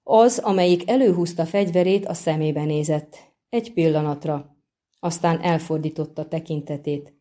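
A woman reading a fantasy novel aloud as an audiobook narrator, in a steady, measured storytelling manner. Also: low-pitched. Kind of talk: scripted narration.

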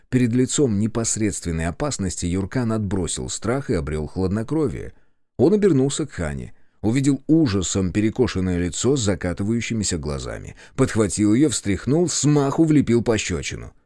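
A man narrating a horror audiobook in an expressive, suspenseful manner. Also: on the low side, a little fast, no room sound, studio quality.

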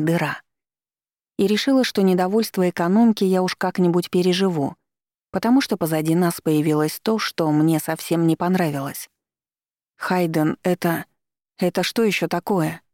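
A woman narrates an audiobook in first person with calm, even storytelling. Her voice is low and mellow. The recording is dry, with no room sound. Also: no echo.

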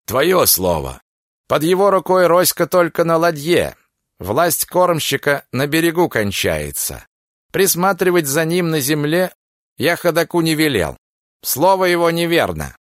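Man reading as gruff old elder, stern commands, lively pitch, dry close sound. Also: measured pace, no room sound. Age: older. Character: stern old male village elder judging.

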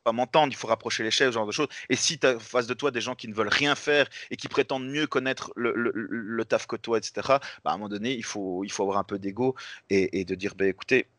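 A man's voice: medium pitch, fast, no room sound, clean studio sound. A man in his forties, a comedian guest, chatting casually and telling anecdotes, acting out what people said. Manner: animated storyteller, acts out dialogue. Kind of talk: casual interview chat.

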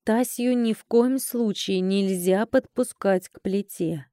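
A woman narrating an audiobook in the first person, in an even, measured storytelling manner. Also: mid-range voice, no echo, studio quality.

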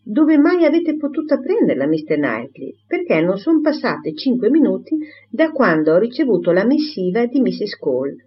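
A woman's voice: a little high, big pitch swings, normal speed, muffled recording, pitched above the performer's own voice. A woman voicing a talkative older spinster who rambles breathlessly from one thing to the next. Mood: excited.

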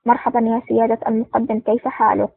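A woman's voice: fairly high pitch, flat delivery, fast, gravelly, husky. A woman voicing a friendly, admiring male equipment officer in an audiobook. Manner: warmly admiring. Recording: tinny phone-like sound.

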